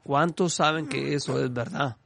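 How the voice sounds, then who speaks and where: A man interpreting a sermon phrase by phrase, closely following the preacher with brisk restatements. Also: a little high, vocal fry, fairly bright tone.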